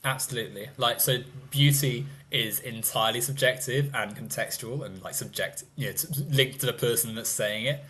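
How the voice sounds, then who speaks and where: A man's voice: medium pitch, moderate pace, few pauses, a bit bright, a little hiss or hum. A young man in his twenties argues his point in a loose, rambling way, full of hedges and little laughs. His voice sits in an ordinary middle register. He speaks as a guest in a casual debate. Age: 20s. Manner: rambling, hedging, laughs often.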